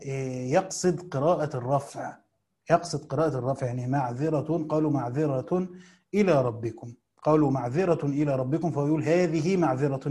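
A man with an Egyptian Arabic accent teaching Quran commentary, reading passages slowly and then explaining them in quick colloquial asides. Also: fairly high pitch, darkish tone.

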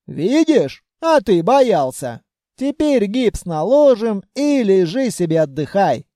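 A man's voice: high voice, very animated, slow pace, mellow, no echo, clean studio sound, full character voice. A man voicing a stern, fussing old grandmother who heals by magic in an audiobook. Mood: bossy. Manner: scolding, commanding.

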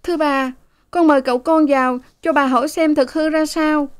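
A woman voicing an eager young servant girl who answers quickly and politely in a storybook reading. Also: high voice, steady tone, voice pushed up, lightly acted.

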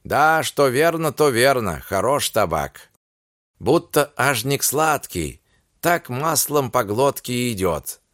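A man voicing a gruff, commanding Cossack sergeant who barks orders in rough soldier talk, within an audiobook reading. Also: medium pitch, big pitch swings, slow, fairly bright tone, no room sound, clean studio sound. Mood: reminiscing.

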